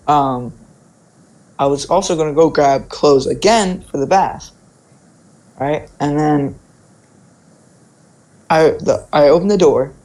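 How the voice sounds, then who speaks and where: This young man's voice is fairly high and a little mellow. He tells stories casually and informally, often dropping in "like" and checking in with "right?"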